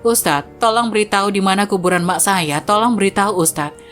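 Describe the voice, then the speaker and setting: A woman's voice: mid-range voice, a little fast, a bit bright, faint music behind, close to an everyday voice. Woman reading as a sobbing remorseful older man. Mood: pleading. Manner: pleading.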